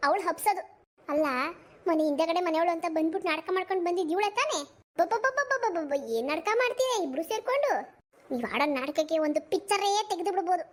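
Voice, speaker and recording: Woman doing a shrill wailing village grandma. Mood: indignant. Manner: complaining, scolding, melodramatic lamenting. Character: wailing old village grandmother, quarrelsome and proud. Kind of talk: animated cartoon voice acting.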